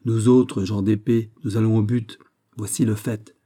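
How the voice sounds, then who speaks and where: A shrewd, bluff musketeer captain speaks in a low, very dark voice, as a man reads the part. His talk is brisk and forthright, a soldier who goes straight to the point. This is an audiobook character voice. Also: little pitch movement. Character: shrewd middle-aged male musketeer captain.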